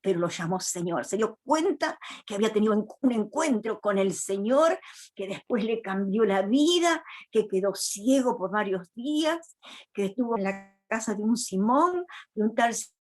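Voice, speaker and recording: A woman's voice: medium pitch, lively intonation, moderate pace, darkish tone. A woman preacher giving a sermon in a church, retelling a Bible story in a reflective, earnest way.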